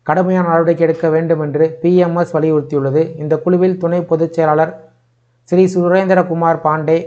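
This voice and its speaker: Flat-voiced man reading news, lo-fi. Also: fairly high pitch. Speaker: news narrator. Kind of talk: read news narration.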